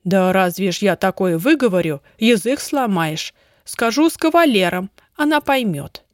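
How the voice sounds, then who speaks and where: A woman's voice: mid-range voice, lively intonation, normal speed, no room sound, clean studio sound, natural voice. A woman voicing a nosy, grumbling old village landlady who talks in rustic, folksy speech. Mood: fretting. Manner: rustic colloquial speech, fussing and scolding.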